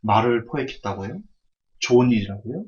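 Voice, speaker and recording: A man voicing a calm, wise old sage who answers in measured questions, on a dull lo-fi recording. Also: medium pitch, pitched below the performer's own voice, lightly acted.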